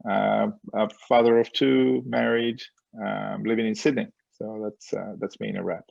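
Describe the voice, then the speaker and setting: A man in his forties from Spain, telling his story as a guest on a video call, relaxed and full of fillers and small laughs. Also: fairly low pitch, normal speed, gravelly, no room sound, lo-fi sound. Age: 40s. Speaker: guest, company founder. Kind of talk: casual interview on a call.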